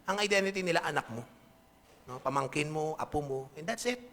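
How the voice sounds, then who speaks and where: A man's voice: fairly high pitch, expressive, a little fast, fairly bright tone. A pastor with a Filipino accent preaching a conversational sermon to his congregation, checking in with them often. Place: church hall. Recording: echoey hall reverb.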